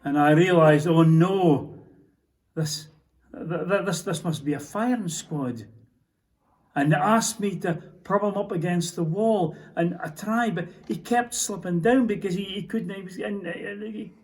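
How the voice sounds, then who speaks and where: A man with a Scottish accent playing a haunted soldier in a theatrical monologue, telling his story in a halting, stammering, emotional way. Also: high voice. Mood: tense. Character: Scottish soldier recounting a prisoner's execution, haunted. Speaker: stage actor. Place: theatre stage.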